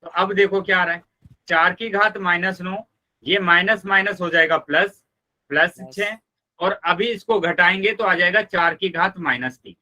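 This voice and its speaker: A male math teacher leading a live online class, patiently explaining steps and repeating them, addressing students warmly as children. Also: high-pitched, moderate pace.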